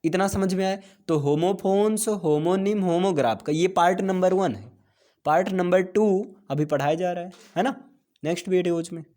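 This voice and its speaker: In a high-pitched, warm voice, a man gives a classroom-style lesson on English grammar. He goes step by step, slipping English terms into Hindi, answering the questions he raises, and reading English lines slowly.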